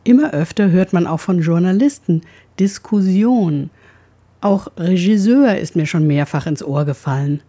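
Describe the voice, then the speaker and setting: Husky woman explaining pronunciation. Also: deep voice, brisk, few pauses, dark tone. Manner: precise, demonstrates sounds aloud.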